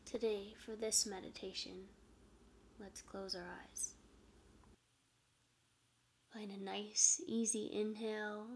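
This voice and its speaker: A woman teaching meditation in a soft, gentle, hushed voice that trails off toward a whisper. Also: mid-range voice, level tone, takes it slowly, pauses often, a little hiss or hum. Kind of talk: soft-spoken guided meditation instruction.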